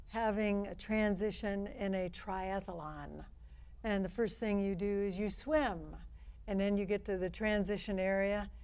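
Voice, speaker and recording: A woman's voice: mid-range voice, darkish tone, clean tone. A woman hosting a talk show and interviewing a guest, friendly and a bit hesitant, with many fillers. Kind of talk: interview chat.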